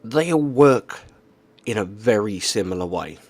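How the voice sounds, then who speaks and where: A man's voice: fairly low pitch, expressive, measured pace, a little mellow, no echo. A man explaining things in a casual, plainspoken monologue, often checking in with "okay?" and "right". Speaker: YouTuber.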